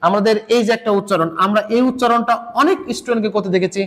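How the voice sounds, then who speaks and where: Male Bangladeshi Bengali teacher, high voice, patient step-by-step explainer who models pronunciations slowly. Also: fairly bright tone. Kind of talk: recorded lesson for exam students.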